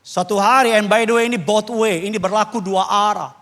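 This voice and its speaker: A man preaching a sermon as pastor, animated, acting out dialogues and mixing in English. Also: sits high, brisk.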